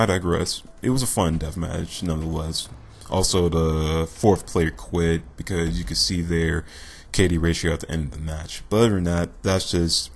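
A young man giving casual, rambling gameplay commentary, self-deprecating and a bit monotone and tired. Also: sits low, slight background noise. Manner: rambling, self-deprecating, loose filler-heavy talk; says he sounds a little monotone and tired. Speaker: gaming commentator.

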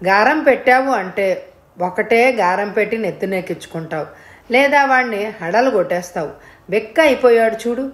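A woman reading a storybook, voicing an elderly grandmother who is gentle and fretful and who coaxes and chides. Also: on the high side, lively intonation, moderate pace, lightly acted. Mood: coaxing.

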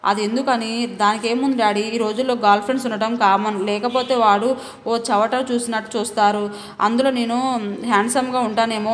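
A woman's voice: fairly high pitch, long reverb tail, a little hiss or hum. Woman reading a novel aloud. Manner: reads all characters' dialogue in her own voice, small restarts. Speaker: novel reader.

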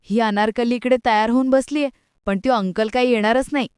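A woman's voice: fairly high pitch, steady tone, a little fast, darkish tone, clear, resonant tone, no room sound, studio quality, lightly acted. A woman voicing a man who teases and needles others sarcastically. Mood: teasing. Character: teasing mocking man.

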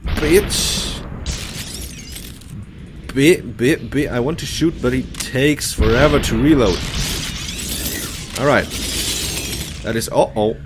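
Seated at a computer in an indoor room, a man in his thirties delivers casual, exclamatory let's-play commentary in short bursts while gaming. His medium-pitched voice is measured and pauses often, against a noisy background.

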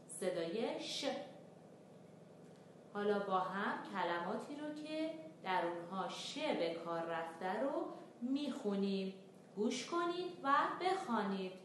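Lady teacher doing a language lesson, says each sound twice real carefully, mid pitch, lots of room echo. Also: very animated. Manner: slow, carefully enunciated repetition of single sounds and words. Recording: very echoey room, faint background noise.

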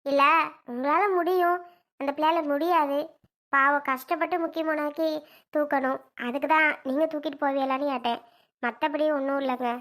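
A woman's voice: steady tone, a little fast, a bit bright. A woman voicing a put-upon village wife who argues back and pleads, in a homemade comedy skit. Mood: pleading. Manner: pleading, then shrill and alarmed.

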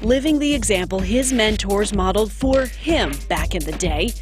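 A woman's voice: mid-range voice, animated, normal speed, music in the background. A woman reporter reading a scripted TV news feature voice-over.

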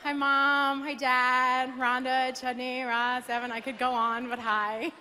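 On a large live arena stage, a woman hosts an awards show with a playful, self-mocking comedic monologue, occasionally breaking into sung lines. Her voice sits high with a flat delivery and measured pace, slight background noise is present, and the live arena sound carries a loud crowd applauding and cheering.

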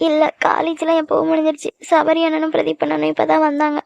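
Weepy young girlfriend, pouty and hurt, high gravelly voice, quick, dull dry audio. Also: completely flat delivery, darkish tone, dry recording. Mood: sulky. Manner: pouting, accusing, crying. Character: young woman, sulking tearful girlfriend. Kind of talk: cartoon voice acting.

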